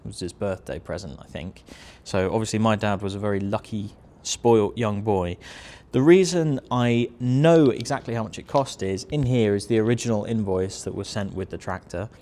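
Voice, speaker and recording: Recorded on a lapel mic in a barn workshop, the host of a restoration series talks through his work in a low-key, chatty manner, tossing in offhand remarks. He's a thirty-something Brit with a lowish, warm voice and a moderate pace.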